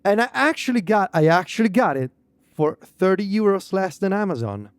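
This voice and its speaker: A man with an Italian accent co-hosting a casual podcast chat, animated and teasing, with quick restarts, into a studio mic. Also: sits high, smooth, no room sound. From Italy. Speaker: podcast co-host.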